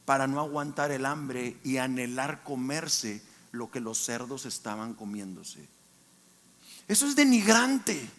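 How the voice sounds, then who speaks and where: A male pastor with a Mexican accent preaching a sermon in a colloquial way, bursting into shouts for emphasis. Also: sits high, vocal fry.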